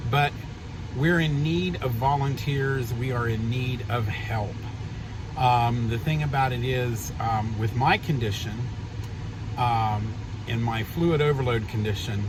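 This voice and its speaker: A man speaks earnestly to his phone video from the driver's seat, the phone propped on the steering wheel. His talk wanders along with frequent ums and uhs. The mic sits a little way from him and picks up a steady background hum. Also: medium pitch, far from the mic. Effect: phone video recording. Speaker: vlogger and Lions Club volunteer. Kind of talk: casual talking-to-camera vlog. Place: parked car.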